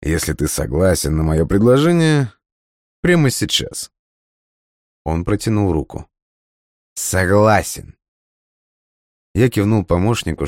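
A deep-voiced man reads a story as an audiobook narrator, delivering scripted first-person narration. His tone is a little mellow, and the clean studio recording has no room sound.

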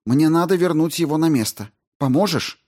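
A man's voice: a little high, lively intonation, moderate pace, a little mellow, pitched above the performer's own voice. A man voicing a woman astrobiologist who gives firm, urgent medical instructions in a story reading. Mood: brisk.

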